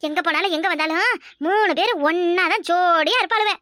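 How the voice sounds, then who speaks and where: A meddling village gossip with a Kanyakumari Tamil accent, as a woman voices her in a cartoon. She speaks in a very high, bright voice and pries eagerly, quick to tell on her neighbours. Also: no echo, clean studio sound. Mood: tattling. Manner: prying, tattling, eager to inform. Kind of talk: cartoon voice acting.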